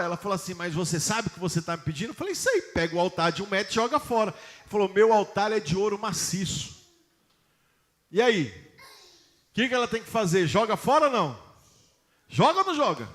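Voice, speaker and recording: A pastor preaching a sermon to his congregation, putting questions to them emphatically and reading scripture slowly. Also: high voice, a bit bright.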